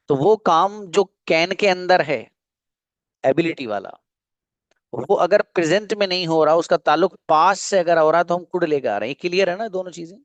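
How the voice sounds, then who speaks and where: A man teaching English grammar in an online class, patiently explaining and repeating example sentences slowly. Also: on the high side, dry recording, lo-fi sound. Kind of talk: online grammar lesson in Hindi.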